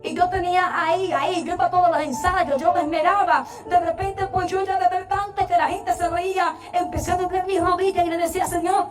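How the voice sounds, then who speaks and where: Very high-voiced woman giving a church testimony. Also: fairly even intonation. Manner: heartfelt, storytelling with long pauses. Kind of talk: personal testimony from the pulpit. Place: church sanctuary. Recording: distant church mic with soft music. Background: soft music.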